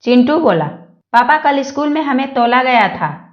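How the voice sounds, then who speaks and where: Lively high-voiced woman reading jokes. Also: moderate pace, roomy sound, muffled recording. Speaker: joke narrator. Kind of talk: read-aloud jokes.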